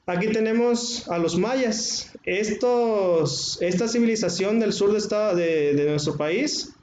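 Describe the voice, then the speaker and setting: A man with a Mexican accent, a history teacher lecturing to his class and explaining slowly, stretching out words, with frequent filler sounds. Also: sits high, a little mellow. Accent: Mexican Spanish. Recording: roomy, dull, faintly noisy.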